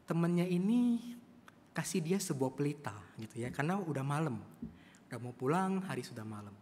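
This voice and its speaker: A man's voice: on the high side, sing-song, brisk, darkish tone, a little hiss or hum. A male preacher telling a story in a church sermon, often addressing the congregation. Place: church service. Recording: long church hall reverb.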